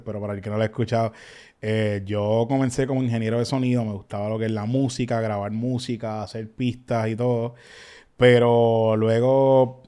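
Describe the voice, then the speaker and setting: A Puerto Rican man with a smooth, resonant voice and a mellow, dark tone, talking easily as a podcast guest. He has a relaxed, friendly manner. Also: mid-range voice. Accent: Puerto Rican Spanish. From Puerto Rico. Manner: relaxed, friendly, uses "mano". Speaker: voice-over artist and sound engineer. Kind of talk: casual interview talk.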